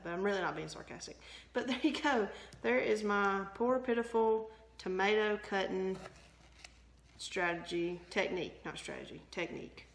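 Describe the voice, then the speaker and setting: Chatting casually for her vlog in her home kitchen, a young woman rambles on, jokes at her own expense, and laughs frequently. Her voice is on the low side with vocal fry, captured in a low-quality recording.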